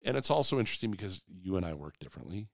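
Low male voice, reflective, candid, rambling, dry close sound. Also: big pitch swings, racing, gravelly, no room sound. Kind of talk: casual chat.

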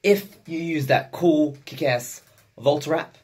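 Slow and husky, with a slightly high pitch, a young tech reviewer talks to the camera in a laid-back vlog from his home desk, where monitors fill the indoor room. He's chatty and keen, breaking into loud, giddy excitement.

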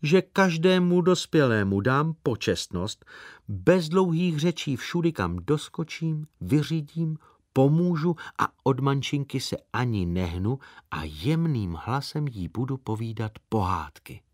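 A man's voice: medium pitch, sing-song, a little mellow, dry recording. A man reading an audiobook in the first person as a boy, playful and mock-solemn, in a studio on a close mic. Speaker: audiobook reader.

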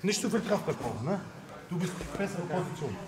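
Male coach, thirties, slightly high voice, casual instruction, busy gym chatter behind him. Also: very animated, brisk. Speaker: professional fighter and coach. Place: large busy martial arts gym.

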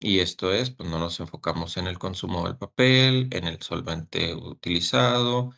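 Deep gravelly man. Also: fairly bright tone, lo-fi sound. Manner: halting, many fillers and repeated words. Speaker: technical service engineer. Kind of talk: technical webinar presentation.

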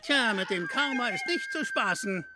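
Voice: medium pitch, big pitch swings, moderate pace, natural voice. An actor voicing a smug wisecracking talking dog. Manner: smug, teasing. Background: loud cartoon music.

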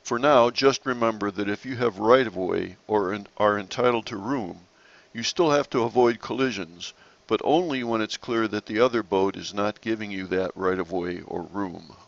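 A man narrating a slide-based lesson on sailing rules in a measured, explanatory way. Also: on the low side, gravelly, lo-fi sound. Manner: measured, explanatory, occasional restarts.

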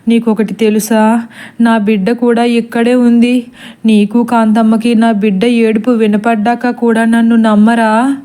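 A woman's voice: a little high, level tone, measured pace, warm tone, natural voice. A woman voicing a vengeful young female ghost, a grieving mother, in an accusing, wailing manner.

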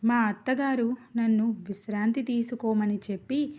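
A woman narrating a first-person life story in a steady, earnest storytelling manner. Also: on the high side, normal speed, dull audio.

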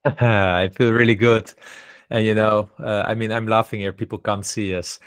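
Male co-host, relaxed chatter full of fillers, low-ish register, dry. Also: measured pace, clear, resonant tone, no room sound. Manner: chatty, leans on "you know" and "I mean". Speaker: podcast co-host. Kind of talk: casual investing chat.

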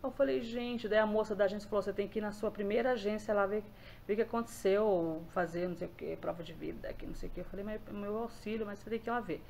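A woman's voice: medium pitch, fast, gravelly, a little mellow, slight background noise. Chatty Brazilian woman telling her story. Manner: chatty, repeats herself, addresses viewers as gente. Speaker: vlogger sharing her experience. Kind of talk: casual personal account to viewers.

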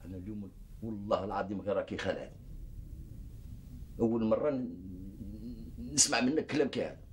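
An actor with an Algerian Arabic accent, playing a weary husband who pleads and defends himself in a TV drama. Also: male voice, fairly low pitch, normal speed, pauses often, a little hiss or hum, natural voice. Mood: pleading. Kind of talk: TV drama acting.

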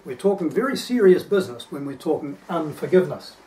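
A man delivers a sermon in a slightly high voice, earnest and explanatory, pausing to unpack each verse. He sounds distant from the microphone, as if picked up from across a church hall. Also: expressive, mellow, slight background noise. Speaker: preacher. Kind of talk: sermon with scripture reading.

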